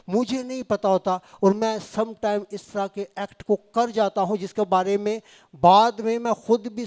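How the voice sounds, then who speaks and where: A man from Pakistan, an evangelist preaching a sermon to his congregation in a church fellowship hall and slipping English and words into his talk. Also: sits high. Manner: mixes Punjabi and English words into Urdu, addresses the congregation directly.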